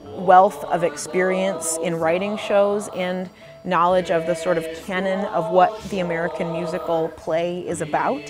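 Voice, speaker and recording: Young woman, co-writer, earnest, lowish pitch, background music. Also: level tone, a little slow. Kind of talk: documentary interview. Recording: music playing underneath.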